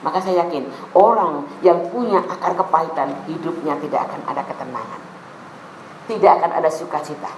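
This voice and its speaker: A woman's voice: sits low, fairly quick, slight background noise. Javanese-accented woman pastor preaching. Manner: lively, mixing in local Javanese phrases. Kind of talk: sermon. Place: church hall. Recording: echoey room with faint ambience.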